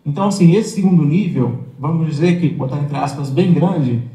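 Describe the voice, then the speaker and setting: A man recounts what happened to him, laying it out step by step in a measured way. His voice is warm and mellow and a little high for a man. The clip sounds echoey, as if recorded in a bare room. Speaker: interviewee telling of his life abroad. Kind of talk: recounting personal experience.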